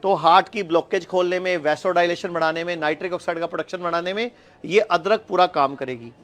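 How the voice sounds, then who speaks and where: A man's voice: high voice, quick pace, a bit bright. A man giving an explanatory health talk to the camera from a hospital campus, restating each point in simpler words. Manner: explanatory, repeats points with "yani ki". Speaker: health speaker.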